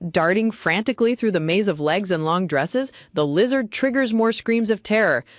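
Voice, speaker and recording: A woman's voice: mid-range voice, lively intonation, moderate pace, no echo, studio quality. Woman narrating a dramatic recap. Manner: dramatic storytelling. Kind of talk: scripted narration.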